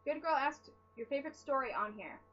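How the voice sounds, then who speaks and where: A woman's voice: sits high, lively intonation, fairly quick, a bit bright, muffled recording. Chatty rambling young woman, tired. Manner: chatty, rambling, self-deprecating. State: sleep-deprived. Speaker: vlogger answering fan questions. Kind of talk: casual chat.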